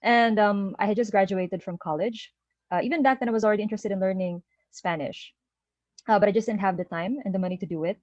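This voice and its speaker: A Filipino woman in her thirties, a native Tagalog speaker, gives an online presentation as a guest speaker on a video call. Her medium-pitched voice is quick and a little mellow, the audio dry and lo-fi; she's friendly, often checks in with "okay?", and says "uh" a lot.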